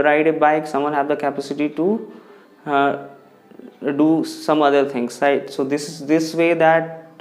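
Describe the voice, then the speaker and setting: A young man talks through a casual pronunciation lesson in a rather high, flat voice. He repeats example words slowly and often breaks off to restart his sentences. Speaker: English tutor.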